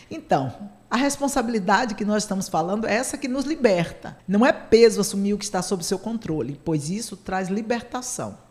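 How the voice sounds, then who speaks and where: A woman's voice: medium pitch, darkish tone. A woman, a psychotherapist hosting a casual radio talk, chatty and playfully sarcastic, laughing often.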